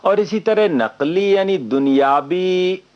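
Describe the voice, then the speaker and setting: An actor in a radio play voicing a thoughtful man who muses on life to his friend. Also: high-pitched. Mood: reflective. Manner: slow, reflective, lecturing his friend. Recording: dull lo-fi radio recording.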